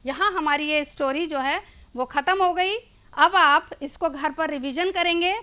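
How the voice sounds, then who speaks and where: A woman's voice: high voice, sharp tone. A woman teacher, explaining English words in Hindi to children during a classroom lesson.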